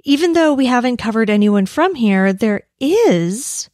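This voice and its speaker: A woman with an American accent and a creaky voice, telling true crime stories conversationally as a podcast host. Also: on the high side, lively intonation, measured pace, darkish tone, dry recording, studio quality. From United States. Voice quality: creaky vocal fry. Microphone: close podcast microphone in a dry room.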